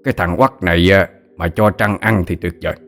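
Brief: man playing a foul-mouthed old ink dealer for an audio story, gruff and mocking, low voice, faint music behind. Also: steady tone, a little fast, fairly bright tone.

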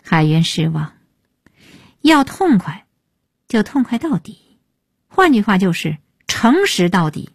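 A woman narrating a novel for a radio audiobook in a measured, close storytelling manner. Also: mid-range voice, big pitch swings, breathy edge, dry recording. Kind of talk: scripted novel reading.

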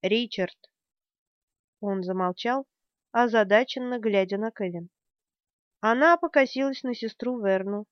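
A woman's voice: fairly high pitch, normal speed, no echo, lo-fi sound. Woman narrating a novel, dry sound. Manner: dramatic, expressive reading. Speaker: audiobook narrator. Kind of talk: scripted narration.

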